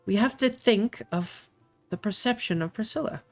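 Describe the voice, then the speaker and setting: A game master voicing a worried, fretful mother in a tabletop game, raising the voice into a higher, anxious register. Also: normal speed, soft background music, close to an everyday voice. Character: worried stern mother fretting over her daughter.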